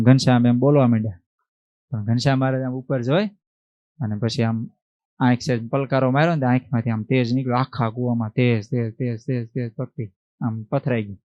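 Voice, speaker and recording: Man, monk's devotional storytelling, animated, dull dry recording. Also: medium pitch, no room sound. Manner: animated, acts out voices, asks the listeners questions. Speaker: monk giving a religious discourse.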